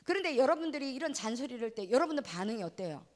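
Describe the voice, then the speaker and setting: A woman's voice: a little high, very animated, racing. A middle-aged woman giving a children's sermon in church, asking the kids questions and acting out scolding parents. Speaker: children's ministry preacher. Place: church hall. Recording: reverberant church hall.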